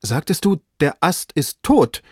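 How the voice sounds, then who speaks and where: A man reading aloud, voicing an excitable gentleman shouting urgent orders up a tree. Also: a little high, moderate pace, slightly rough, no echo, studio quality, voice pushed up. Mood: agitated. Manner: loud, urgent commands. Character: excitable gentleman treasure hunter, man, agitated. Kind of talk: audiobook reading.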